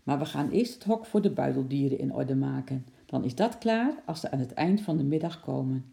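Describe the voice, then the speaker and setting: Reader as kind careful zookeeper guy, dark gravelly voice. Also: medium pitch, expressive, a little fast. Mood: friendly. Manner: friendly, careful way of talking. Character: kindly careful male zookeeper. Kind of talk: storybook reading.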